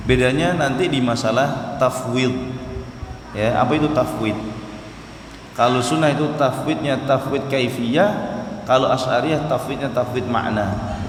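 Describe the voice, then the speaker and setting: A man's voice: mid-range voice, slight background noise. A man with an Indonesian accent giving a study-circle lecture to a congregation, telling history with rhetorical questions and sudden bursts of emphasis. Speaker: Islamic study teacher. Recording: echoey hall with long reverb.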